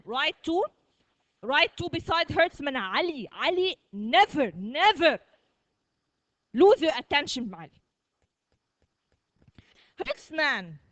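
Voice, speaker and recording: Slow, high-voiced woman teaching a class. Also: a bit bright, no echo, dull audio. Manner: slow, repetitive, drills words and checks with "okay?". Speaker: primary school English teacher. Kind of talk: classroom vocabulary lesson.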